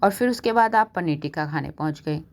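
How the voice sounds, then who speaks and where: A woman voicing a quick-tempered middle-aged wife who scolds her husband sharply, in a told storybook. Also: low voice, expressive. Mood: angry scolding.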